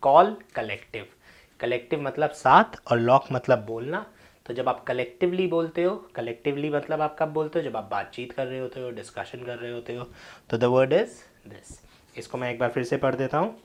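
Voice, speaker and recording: A young man with an Indian English accent teaches English vocabulary, switching between Hindi and English. He slows down to read lines from a book, then explains them quickly. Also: medium pitch. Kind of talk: classroom-style vocabulary lesson.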